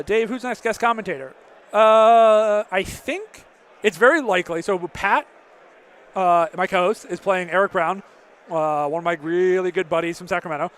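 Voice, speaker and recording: A man's voice: sits high, fairly bright tone, clear, resonant tone. A man casually commentating a tournament live stream, answering chat questions with frequent fillers and sounding slightly worn in the voice. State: slightly losing his voice.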